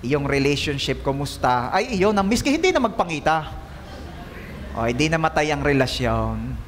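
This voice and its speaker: A man preaching to his church in a loose, conversational sermon. His voice sits high for a man, and he keeps the talk light, teasing and joking with the people in front of him. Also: sing-song, normal speed, a little hiss or hum. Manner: playful, joking, teasing the congregation. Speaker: pastor. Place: church service.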